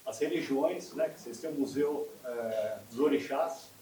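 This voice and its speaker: A man in his sixties from Brazil gives a personal testimony at a meeting, rambling and warm, often ending his phrases with a questioning "né?". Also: mid-range voice, normal speed. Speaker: audience member giving a testimony. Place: union meeting hall. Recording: echoey hall, voice from far off, noisy.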